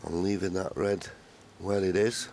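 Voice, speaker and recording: Gravelly, very low male snooker commentator. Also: flat delivery, unhurried. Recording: faint live arena noise.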